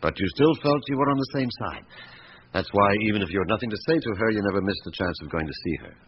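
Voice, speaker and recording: An actor playing a patient, probing police inspector in a radio drama, measured and wry in manner. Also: male voice, fairly low pitch, lively intonation, close to an everyday voice. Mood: quietly insistent. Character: probing, patient male police inspector, middle-aged or older. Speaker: police inspector questioning suspects. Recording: dull, noisy old radio recording.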